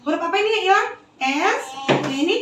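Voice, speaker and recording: A woman's voice: very high-pitched, lively intonation, a little fast. A woman teaching young children in class, with a sing-song voice and coaxing questions. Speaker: kindergarten teacher. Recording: echoey room recorded from far off, loud noise.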